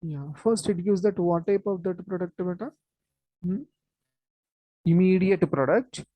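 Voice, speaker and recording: A woman with an Indian accent teaching an online lesson in a halting, repetitive way, dropping in Hindi interjections. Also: lowish voice, dry recording, highs cut off. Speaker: chemistry teacher.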